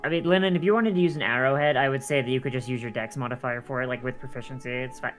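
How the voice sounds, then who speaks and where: A game master improvising tabletop narration and chatting casually in an animated, rambling way. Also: medium pitch, racing, faint music behind.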